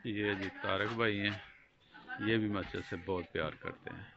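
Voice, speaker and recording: A man walking around an outdoor building site, narrating the progress calmly to his phone camera. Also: fairly low pitch, moderate pace, heavy background noise. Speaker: vlogger showing building work. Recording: dull lo-fi phone audio with loud music. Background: loud background music.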